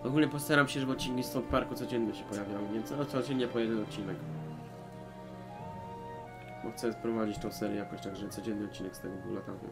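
A young Polish man talks through a video game in a casual, sweary way. Game music plays clearly behind his voice. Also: fairly low pitch, fairly even intonation, quick pace. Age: young adult. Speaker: let's player commenting on a video game. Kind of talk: casual gaming commentary with swearing.

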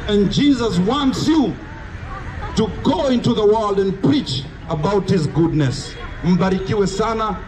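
A young Kenyan man preaches on a town street corner, his high voice carrying from a distance. He presses his message in repeated rhythmic phrases. The camera is far off, and traffic and street noise run under his voice. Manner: preaches in a call-and-response rhythm, mixing English and Swahili. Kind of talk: open-air street sermon.

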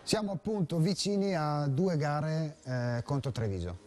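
A man's voice: a little high, a little slow, darkish tone, slight background noise. Italian man hosting a conversational sports interview. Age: 30s. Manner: helpful, rephrasing and prompting. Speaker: TV sports show host. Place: television studio. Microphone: lapel mic.

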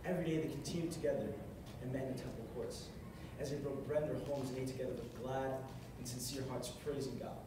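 With a steady tone and mid-range voice, a young man moves at a quick pace with hardly any pauses through a short, earnest sermon, repeating phrases for emphasis. He's at a music stand on a stage in a large carpeted hall. The far camera mic across the room yields an echoey, noisy recording.

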